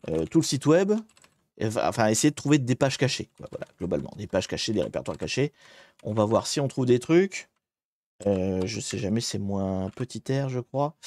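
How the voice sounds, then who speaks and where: A man with a mid-range, somewhat dark voice chats casually on a live stream while working through a hacking challenge, rambling and often correcting himself mid-sentence. The recording has no room sound.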